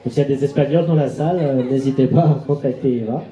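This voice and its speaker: A man hosts a book talk in an event hall. His voice is very dark and mellow, and it rings with the room's echo. He links the guests loosely and keeps falling back on "donc". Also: mid-range voice, fast. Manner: leans on "donc" as filler, talks loosely. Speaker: event host. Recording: roomy hall sound.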